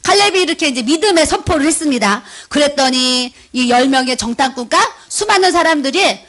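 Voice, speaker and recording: A woman's voice: high voice, lively intonation, fairly quick, a bit bright. A middle-aged woman, a pastor's wife, preaching a sermon in church, telling stories and acting out the dialogue, often laughing. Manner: storytelling, acting out quoted dialogue. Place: church sanctuary.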